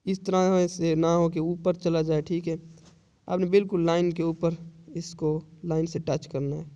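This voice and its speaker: A man's voice: on the high side, mellow, muffled recording. A man teaching shorthand in an online lesson, explaining patiently and repeating points often. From Pakistan. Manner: patient, repetitive explaining with frequent checks.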